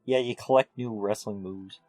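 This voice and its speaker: A man's voice: lowish voice, steady tone, moderate pace, darkish tone, dry recording, faint music behind. A man hosting a video game playthrough with casual, offhand and wry commentary. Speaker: host playing and commenting on a game.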